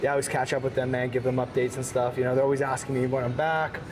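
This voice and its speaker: A man in his late twenties from Ukraine, a guest in a casual interview, chatting in a relaxed way and often saying "man". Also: medium pitch, fast. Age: 20s. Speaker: guest, fighter. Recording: audible background noise.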